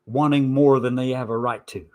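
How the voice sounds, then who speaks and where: A man's voice: mid-range voice, fairly even intonation, normal speed, a little mellow. A man hosting an informal opinion show, stressing and repeating his points with sarcastic asides. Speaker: host of a commentary show.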